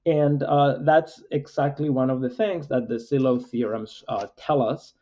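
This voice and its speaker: A man, a mathematics professor, lecturing with frequent "uh" fillers in a measured, explanatory way. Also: medium pitch, dark tone, muffled recording.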